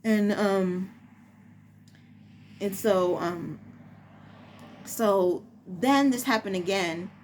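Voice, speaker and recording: A woman who works as a preschool teacher, telling a personal story in a casual, halting way as she searches for words. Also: mid-range voice, darkish tone, slight background noise.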